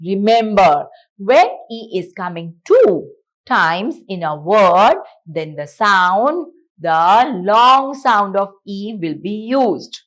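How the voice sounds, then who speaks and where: A woman teacher with a Punjabi accent giving a phonics lesson to children, drawing out each sound slowly. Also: mid-range voice, lively intonation. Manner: slow, sing-song teacherly delivery with drawn-out sounds.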